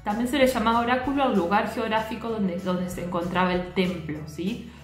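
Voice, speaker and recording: A woman's voice: medium pitch, fairly even intonation, a little fast, faint music behind. Woman teacher in an echoey room. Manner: explanatory, often checks with students. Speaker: literature teacher. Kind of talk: recorded class lecture.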